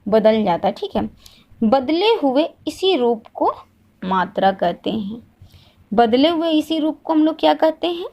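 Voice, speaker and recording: A woman's voice: high voice, sing-song, measured pace, darkish tone. Hindi teacher woman quizzing and repeating. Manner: asks questions and answers them herself, repeats each point. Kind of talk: classroom lesson.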